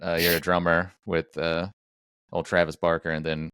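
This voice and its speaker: A man's voice: low-pitched, little pitch movement, normal speed, a bit bright, smooth, dry recording. A man hosting a podcast, chatting casually with lots of jokes, fillers and restarts. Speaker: podcast host. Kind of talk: casual interview chat.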